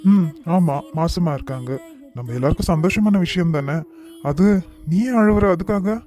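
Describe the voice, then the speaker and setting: A man voicing a gentle young husband in a cartoon, tenderly coaxing his crying wife. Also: a little high, normal speed, natural voice. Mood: comforting.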